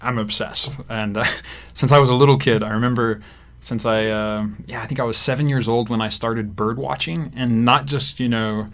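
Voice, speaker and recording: In a radio studio, a young adult man from Zimbabwe and Kenya, a graduate student who grew up in Africa, chats casually through an interview. He speaks at a moderate pace in a medium-pitched voice, relaxed and rambling with many fillers.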